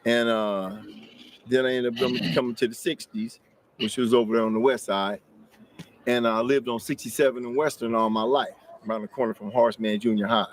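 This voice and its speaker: A man's voice: mid-range voice, steady tone, a little fast, slight background noise. An older man from Los Angeles, interviewed as a guest, telling his story plainly and matter-of-factly.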